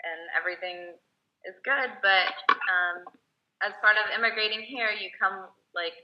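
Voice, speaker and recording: A woman's voice: mid-range voice, unhurried. A young woman from the Bay Area talking casually as a guest, hesitant, with many fillers and restarts. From United States (Bay Area, California). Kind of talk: casual video call chat. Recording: muffled lo-fi call audio.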